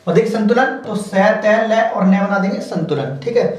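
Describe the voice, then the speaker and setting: Echoey Hindi shorthand teacher, distant mic. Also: male voice, high-pitched, expressive, normal speed. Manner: patient, repetitive explaining. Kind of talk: step-by-step stenography lesson. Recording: very echoey room, mic far off.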